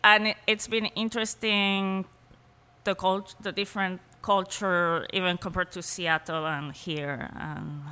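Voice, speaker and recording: A woman from Spain with a Spanish accent, a guest speaking thoughtfully in a relaxed interview and laughing easily. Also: fairly low pitch, unhurried, clean tone, in a large hall. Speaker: cheesemaker guest. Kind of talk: casual interview conversation.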